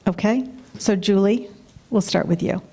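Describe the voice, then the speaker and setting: A woman moderating a panel, asking measured questions and reassuring the speakers. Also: medium pitch, gravelly, dark tone, slight background noise.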